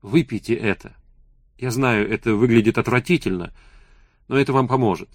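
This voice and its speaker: A man's voice: mid-range voice, normal speed, no echo, studio quality, lightly acted. A man doing a weary, wry young woman. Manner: sighing, weary, ironic.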